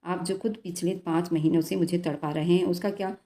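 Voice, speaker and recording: A woman voicing a shy, hurt young wife in a narrated romance story, hesitant and reproachful, in her own low, mellow voice. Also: steady tone, brisk, natural voice.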